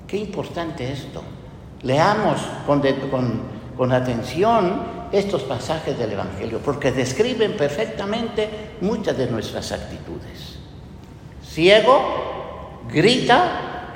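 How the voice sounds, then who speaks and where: Man, preacher, sermon, slow, animated pitch, echoey church hall, faint background noise. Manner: lively, conversational preaching with frequent tag questions. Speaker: priest.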